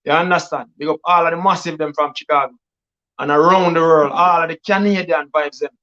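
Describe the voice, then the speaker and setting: A man with a Jamaican accent hosting a casual live stream as a DJ. He speaks in a patois-laced, repetitive hype style full of shout-outs. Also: a little high, steady tone, brisk. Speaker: DJ and livestream host. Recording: dull lo-fi stream audio.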